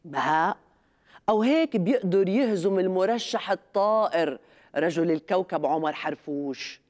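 This middle-aged Lebanese host of a satirical TV show rants sarcastically in a scripted studio monologue, her mock outrage growing as she goes. Her voice sits on the low side with a darkish tone, lively intonation, and a moderate pace.

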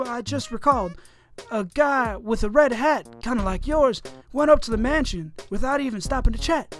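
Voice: medium pitch, a bit bright, voice pushed up, lightly acted. A gamer voicing an eccentric old male ghost-hunting professor with theatrical old-timer phrasing while reading game dialogue. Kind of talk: let's-play voice acting.

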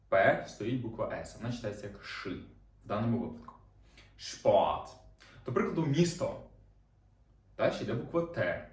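A man teaching a beginner language lesson, explaining reading rules patiently and repeating example words slowly. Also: mid-range voice, distant mic. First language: Ukrainian. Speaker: German teacher. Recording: roomy, off-mic sound.

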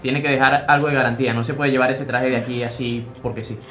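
A sarcastic young male shop clerk, played by a man, scolding his coworkers in a scripted web drama. The voice sits mid-pitch, and the store sounds roomy and echoey, with music underneath. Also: level tone, fast, fairly bright tone, natural voice. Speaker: store employee Luis. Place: indoor clothing store.

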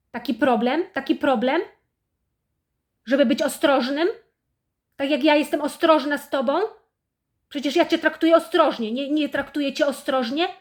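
Using her natural voice, a woman portrays a middle-aged mother who is self-pitying, harsh and house-proud in a satirical character monologue. She nags constantly and gets shrill when scolding.

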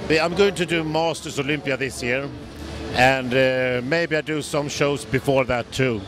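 A Swedish bodybuilder in his forties answers interview questions in halting English, with non-native grammar and frequent restarts. His medium-pitched voice stays fairly even. The interviewer holds a handheld mic at a busy expo booth on a noisy trade show floor.

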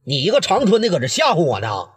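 A stern Northeastern Mandarin gang boss, as a male storyteller voices him. His low, husky voice stays steady and carries a threat underneath, with pitch that moves a lot. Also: fast talker, big-room sound, full character voice. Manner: low and steady, turning fierce. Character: respected gang leader, adult male, protective, hot-tempered.

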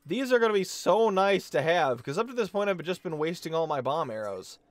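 A man's voice: fairly high pitch, lively intonation, a little fast, no room sound. A man hosting a let's play, commenting casually and thinking aloud, questioning himself with many restarts.

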